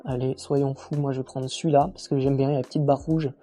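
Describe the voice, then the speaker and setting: Mellow-voiced man chatting casually. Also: medium pitch, fast talker, faint music behind. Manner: relaxed, chatty, many fillers and self-mocking jokes. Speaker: motorcycle reviewer. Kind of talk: casual product walkthrough.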